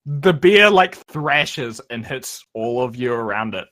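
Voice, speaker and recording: A game master with a bright, forceful tone narrates the action with a very animated, swooping pitch. The delivery is loose and chatty, padded with fillers and laughter, heard through an online voice call. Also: slow. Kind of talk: narrating a tabletop game over voice chat.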